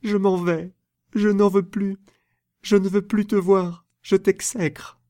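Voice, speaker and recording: A man's voice: sits high, flat delivery, slow pace, warm tone, no room sound, pitched above the performer's own voice. A man reading aloud voices a proud, passionate young woman in a storybook, with an impassioned, theatrical delivery. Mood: furious.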